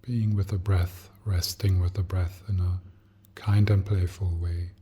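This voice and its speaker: Soft, gentle and unhurried, a man leads a guided meditation in short phrases separated by long pauses. He has a deep, breathy, husky voice and delivers everything flatly.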